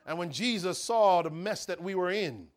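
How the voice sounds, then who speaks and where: A male preacher delivering a sermon as a dramatic story. His voice is high and he builds intensity through pauses and repetition. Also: lively intonation.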